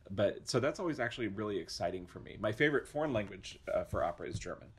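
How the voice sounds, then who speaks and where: A man's voice: fairly low pitch, expressive, fast, slight background noise. A man, an opera education director, chatting enthusiastically in a casual podcast interview, with many fillers and restarts.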